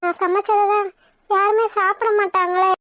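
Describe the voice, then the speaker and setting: High, gentle young wife. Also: female voice, level tone, normal speed, dry recording. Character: young married woman, gentle and patient. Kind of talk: cartoon voice acting.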